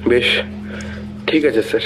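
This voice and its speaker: An actor playing a young office worker answering a detective deferentially, calling him sir. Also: male voice, medium pitch, a little slow, background noise, lightly acted. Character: nervous young male office worker questioned by police.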